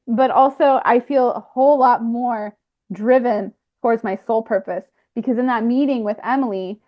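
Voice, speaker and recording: A woman talking through a personal spiritual experience in a reflective monologue, pausing and restarting often. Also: a little high. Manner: halting, with frequent fillers and restarts. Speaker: speaker sharing a personal spiritual account. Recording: slightly muffled lo-fi recording.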